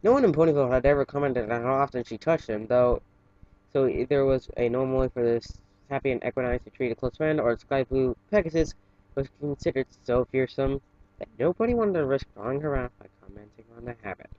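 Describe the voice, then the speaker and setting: A man reads fan fiction aloud for an online channel in an informal, amateur style, sometimes stumbling over words. His medium-pitched voice is brisk and darkish, dry with no room sound, in a dull, lo-fi home recording.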